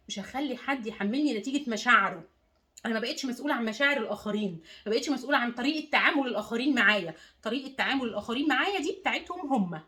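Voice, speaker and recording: A woman's voice: fairly high pitch, a bit bright. A woman life coach with an Egyptian accent giving an emphatic motivational talk to the viewer, repeating words and phrases for stress. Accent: Egyptian Arabic.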